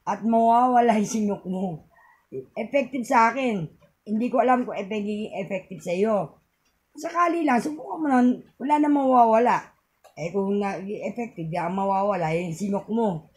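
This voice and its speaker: A woman's voice: mid-range voice, normal speed, darkish tone. A middle-aged woman with a Filipino accent, giving a home tip in a casual, rambling vlog and laughing often. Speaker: vlogger.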